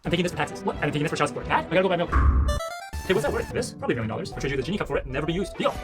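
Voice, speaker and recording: Rapid-fire male sketch comedian over music. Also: a little high, lively intonation. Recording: music clearly behind the voice.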